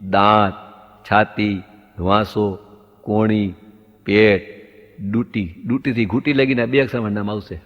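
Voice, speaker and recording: Comedian in a reverberant hall. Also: male voice, on the low side, steady tone, measured pace, pauses often. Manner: acts out both sides of dialogues in anecdotes, punchline delivery. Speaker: stand-up comedian. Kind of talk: stand-up comic storytelling. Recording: dull lo-fi sound with long hall reverb.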